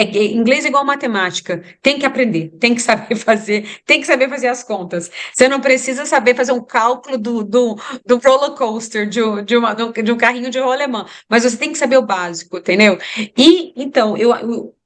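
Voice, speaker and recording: In an interview, a Brazilian woman who teaches English gives advice with a Brazilian Portuguese accent and a voice on the high side. Her delivery is emphatic, and she repeats points for emphasis.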